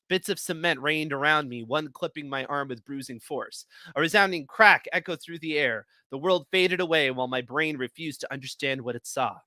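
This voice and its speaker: A man hosting a live event, reading stories aloud in a lively, expressive way. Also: fairly high pitch, dry recording. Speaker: host.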